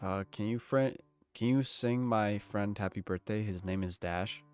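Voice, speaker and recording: A man's voice: fairly low pitch, a little slow, darkish tone, clear, resonant tone, faint music behind. A young man streaming, joking and pushing an AI chatbot, growing exasperated. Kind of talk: casual livestream chat.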